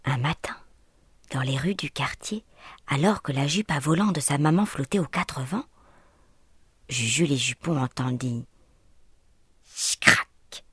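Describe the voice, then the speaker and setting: Woman storyteller, husky and breathy, slow, whispery delivery, dry close mic. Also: a bass voice, no room sound. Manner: soft, often whispered, playful rhythmic delivery. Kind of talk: children's story reading.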